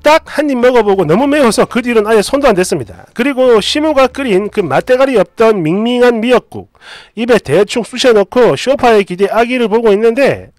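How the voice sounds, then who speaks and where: A woman's voice: fairly high pitch, expressive, a little fast, hardly any pauses, darkish tone, no echo, studio quality. A woman narrating a reader's story aloud in a chatty, exasperated way.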